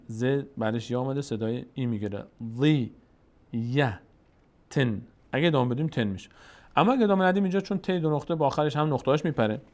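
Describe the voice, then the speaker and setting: A man with a Tajik accent teaching a step-by-step Quran recitation lesson, explaining each rule and then chanting the example words slowly and drawn out. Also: medium pitch, a little mellow.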